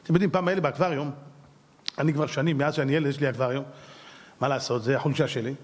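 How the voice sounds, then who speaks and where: A man, a rabbi, preaching a lively sermon with humorous stories, dramatic and rising to shouts for emphasis. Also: mid-range voice. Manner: animated, dramatic storyteller who rises to shouts for emphasis. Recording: long hall reverb.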